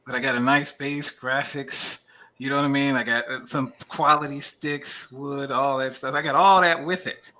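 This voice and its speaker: Blunt skeptical man with a bright voice. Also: mid-range voice, steady tone, moderate pace. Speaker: podcast co-host. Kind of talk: casual chat.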